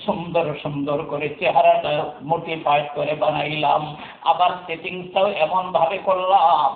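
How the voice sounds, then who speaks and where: A man preaching an Islamic sermon, building rhythmic repeated refrains that rise into loud sing-song peaks. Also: a little high, little pitch movement, normal speed, gravelly. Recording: echoey, phone-like tinny sound.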